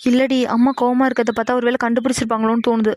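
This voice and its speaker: A woman's voice: fairly high pitch, flat delivery, rapid-fire, a little mellow, no room sound. A woman voicing sisters in a cartoon, pleading and protective. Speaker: voice artist for sisters. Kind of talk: cartoon dialogue.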